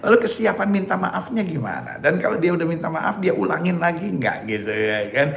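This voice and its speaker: A man's voice: on the high side, huge pitch swings, a little fast, gravelly, slight background noise. A man preaching a sermon, emphatic, often asking his listeners "ya kan?" and calling them "saudara-saudara". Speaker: pastor. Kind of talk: sermon on dating.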